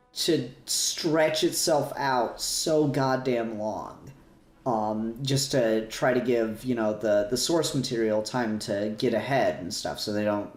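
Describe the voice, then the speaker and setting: In a roomy, echoey recording, a male podcast co-host with a mid-range, somewhat mellow voice rambles on about fan subjects. His talk is casual and peppered with swearing.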